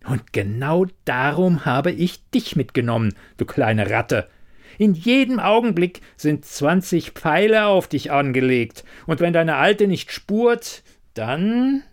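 A man's voice: medium pitch, very animated, moderate pace, natural voice. A man voicing a ruthless foreign king in a fantasy audiobook, speaking with scorn and menace. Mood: menacing. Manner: hissing, threatening, scornful.

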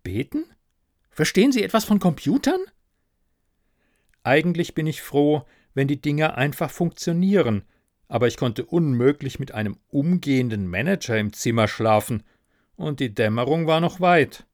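A man's voice: medium pitch, normal speed, no room sound. A man narrating a story in a dry, wry tone.

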